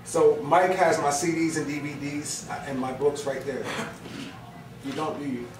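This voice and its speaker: A middle-aged man with a New Jersey accent, his voice pitched a little high. He performs spoken word on a stand mic in a brick-walled bar lounge and trades loose, profane banter with the audience. He is picked up by a far camera in a roomy room, with crowd murmur behind him. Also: fairly even intonation, moderate pace, background noise. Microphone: stand mic, recorded by a far camera. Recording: roomy live bar sound from afar. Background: audience ambience and laughter.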